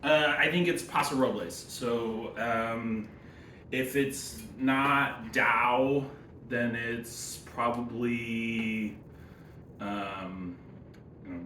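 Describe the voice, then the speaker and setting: A man's voice: mid-range voice, fairly even intonation, very slow, sharp tone. Wry man tasting wine in an echoey room. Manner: wry, opinionated, uses wine jargon. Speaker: sommelier and presenter. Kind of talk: casual wine tasting commentary. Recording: echoey room, faint background noise.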